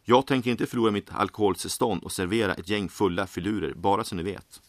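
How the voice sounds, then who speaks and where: A man voicing a stern, gruff male bartender in a read-aloud story, speaking louder and more sharply than the narration. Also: on the low side, no room sound, natural voice. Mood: scolding. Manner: gruff, scolding.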